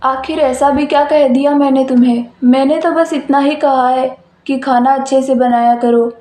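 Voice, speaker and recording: A woman voicing a young husband who lost his job and snaps at his wife, speaking in a lowered voice in an echoey room. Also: fairly even intonation, normal speed, mellow, natural voice. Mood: irritated. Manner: scolding, then apologetic. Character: young husband, short-tempered, stressed after losing his job. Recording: roomy echo.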